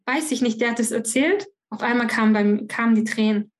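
Speaking slightly fast in a somewhat high voice, she shares her own story as a guest on a podcast. The young woman is candid and emotional in this personal interview, frequently starting sentences over.

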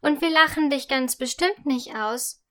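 A woman's voice: high voice, a little slow, a bit bright. A woman voicing a proud, friendly female daffodil flower in a children's audio story. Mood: reassuring.

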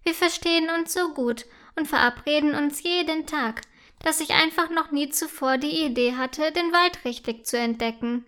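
A woman voicing a tiny, cheerful young female forest elf who talks eagerly and brightly. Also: sits high, moderate pace.

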